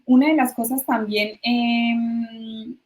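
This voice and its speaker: A woman's voice: a little high, steady tone, takes it slowly, darkish tone. A woman guest expert explaining ideas in a conversational interview, with hesitant restarts.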